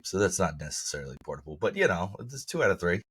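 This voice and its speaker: A man's voice: sing-song, quick pace, fairly bright tone. A man co-hosting a podcast in casual chat, sounding tired and froggy as he comes down with a cold, rambling and swearing. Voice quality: husky, low and froggy. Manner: rambling, profane, laughs often. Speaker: podcast co-host.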